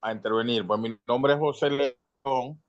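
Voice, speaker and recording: A man's voice: medium pitch, fairly even intonation, unhurried, dry recording. Earnest Venezuelan man on a dull video call. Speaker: audience member asking. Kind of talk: online panel comment.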